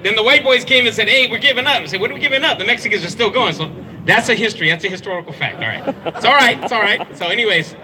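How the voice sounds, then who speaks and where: A man's voice: high voice, fast talker, sharp tone, rough recording. A man giving a punchy, crowd-rousing speech at an outdoor rally. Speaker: rally speaker.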